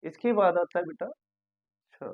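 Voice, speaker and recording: A man teaching an English grammar lesson. He goes patiently, repeats sounds slowly and keeps checking that his students follow. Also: sits high, no room sound, narrow, tinny audio.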